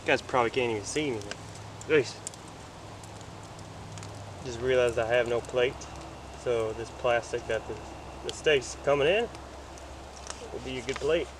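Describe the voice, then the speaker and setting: Young guy vlogging at his campsite, laid-back chatty talk, mid pitch, faint outdoor noise behind. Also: measured pace, long pauses. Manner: relaxed, chatty, thinks aloud. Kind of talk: casual solo vlog talk to camera.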